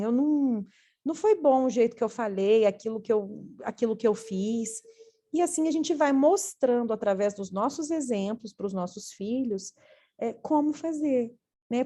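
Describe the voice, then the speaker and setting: A woman who is a parenting educator and mother, telling stories from home in an earnest, animated way. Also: on the high side. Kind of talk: casual conversation.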